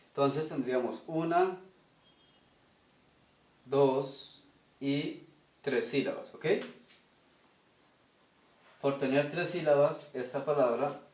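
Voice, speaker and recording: A man's voice: mid-range voice, a little mellow, echoey room. A man with a Colombian Spanish accent teaching a lesson step by step, stopping often to ask "ok?". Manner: methodical, checks in with "ok?". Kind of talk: explaining an invented language at a whiteboard.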